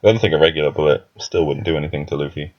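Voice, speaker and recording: Young man, very low voice, rambling casual commentary, muffled lo-fi sound. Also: very fast. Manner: rambling, laughs often, many fillers. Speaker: manga chapter reviewer. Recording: dull lo-fi recording.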